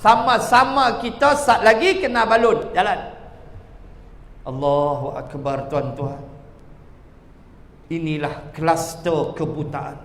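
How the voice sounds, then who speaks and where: A man's voice: a little high, slow, pauses often, a bit bright. A male preacher giving a sermon, chanting verses and then explaining them, in a mosque hall. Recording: echoey hall reverb.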